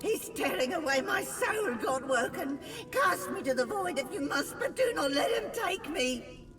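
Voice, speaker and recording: An actress playing a dying sorceress's spirit in a video game, weary, desperate and theatrical, pleading with a creaky voice for release. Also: female voice, on the low side, animated, faint music behind, exaggerated voice. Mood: terrified, pleading. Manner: slow, theatrical, anguished. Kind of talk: dramatic video game acting.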